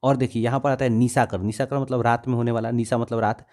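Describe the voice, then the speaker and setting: Male Hindi tutor with a Bihari accent, mellow tone, repetitive drilling delivery. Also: mid-range voice, flat delivery, fast. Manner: repeats words, checks understanding with "ठीक है ना". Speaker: teacher. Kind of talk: exam-prep grammar lesson.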